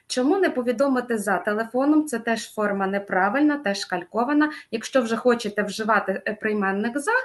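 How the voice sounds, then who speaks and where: Middle-aged woman teacher going over test answers, patient, slows down on every key word. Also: mid-range voice. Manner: patient and explanatory, stresses each key word slowly. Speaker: Ukrainian language teacher.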